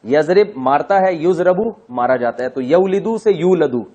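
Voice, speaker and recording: Man teaching Arabic grammar, slightly high voice. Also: expressive, warm tone. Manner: drawn-out, deliberate recitation of Arabic words, joking asides. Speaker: Quran teacher. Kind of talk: classroom Arabic grammar lesson. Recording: dull, muffled lecture recording.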